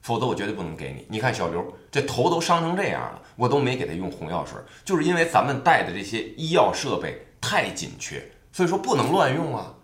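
A man's voice: mid-range voice, very animated, fast, few pauses, a bit bright. A man voicing a prim, strict young woman medical expert who scolds firmly, recorded with a roomy echo. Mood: stern. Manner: firm, scolding.

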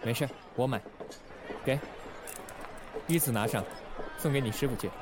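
An actor plays a suave, calculating male intelligence station chief in a Republican-era spy radio drama, lightly acted in a smooth, measured, teasing manner. His mid-range voice sounds friendly. There is background noise.

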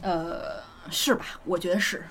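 A woman's voice: lowish voice, steady tone, unhurried, fairly bright tone. Woman, Beijing accent, casual chat, podcast guest, repeats short words. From Beijing, China.

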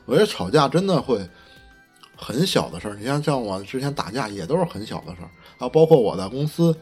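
A man's voice: mid-range voice, big pitch swings, quick pace, a little mellow, husky, soft background music. A man co-hosting a casual podcast chat, telling stories in a heated, profane way and stumbling over restarts. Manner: stammering restarts. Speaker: podcast co-host.

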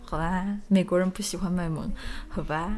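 A woman co-hosting a live chat stream, casual, giggly and animated. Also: fairly low pitch, moderate pace, faint music behind.

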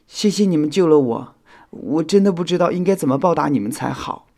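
A man's voice: high voice, expressive, fairly quick, warm tone, voice pushed up. A man voicing a grateful, emotional young female firefly in a children's audio storybook, with a raised, pleading voice.

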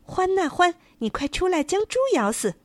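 A woman voicing a brave, determined male rooster with a high, bright crowing voice in a storybook tale. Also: very animated, normal speed, dry recording.

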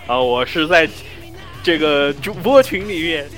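A man's voice: a little high, expressive, measured pace, fairly bright tone, soft background music. A man co-hosting a casual group podcast, opening the episode with joking, teasing banter. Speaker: podcast co-host.

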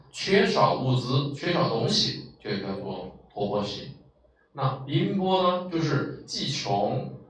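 A man's voice: medium pitch, far from the mic, slight background noise. Man teaching in an echoey room. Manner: lively, drawn-out explanations with many fillers. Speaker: Japanese vocabulary teacher. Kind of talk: explaining a language lesson.

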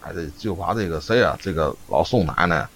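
A man's voice: low voice, animated, a little fast, a bit bright. A man telling a folk ghost story on a live stream, chatty and always checking "you know?". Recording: dull lo-fi stream audio, faint noise.

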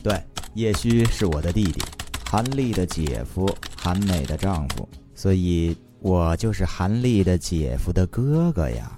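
A man's voice: low-pitched, very animated, a little slow, music in the background. A man with a Beijing accent narrating scripted comedy in a wry, mock-formal manner. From Beijing, China. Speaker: comic storyteller. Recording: clear background noise with keyboard clicks.

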